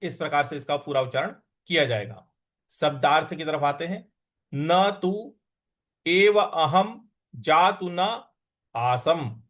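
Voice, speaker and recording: A man teaching the recitation of a Sanskrit verse, breaking words into syllables and chanting the lines slowly between quick spoken explanations in Hindi. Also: a little high, fairly bright tone. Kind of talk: slow syllable-by-syllable recitation lesson.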